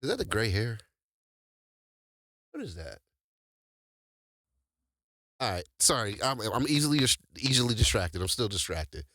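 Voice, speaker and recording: A man in his forties, hosting and telling life stories in a relaxed, slangy way, laughing often as he goes. His pitch swings widely from low to high, and the sound is dry and close with no room around it. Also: unhurried, long pauses, no room sound. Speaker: host. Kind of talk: casual storytelling to an audience.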